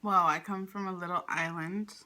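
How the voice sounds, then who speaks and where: A relaxed woman in her twenties from Hawaii, chatting easily as an interview guest and laughing often. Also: fairly low pitch, normal speed, slight background noise. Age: 20s. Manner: relaxed, giggly, easygoing. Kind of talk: casual conversational interview.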